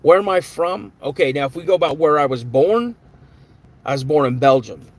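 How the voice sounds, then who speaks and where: A man's voice: a little high, lively intonation, normal speed, no room sound. A man hosting a live stream in a casual, chatty way, greeting viewers by name and answering their comments.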